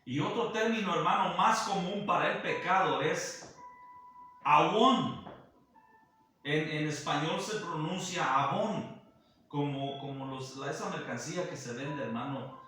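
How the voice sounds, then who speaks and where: A man preaching a sermon, speaking slowly and deliberately and often addressing his listener as brother. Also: a little high, bright, forceful tone. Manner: slow and deliberate, repeatedly calling the listener brother. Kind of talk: sermon teaching. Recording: roomy echo, heard from a distance, faint music behind.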